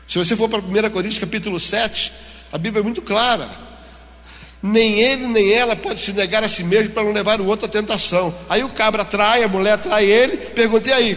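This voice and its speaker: Brazilian male pastor, forceful high voice, lively storytelling sermon, reverberant church hall. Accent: Brazilian Portuguese. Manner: animated storytelling, acting out dialogue.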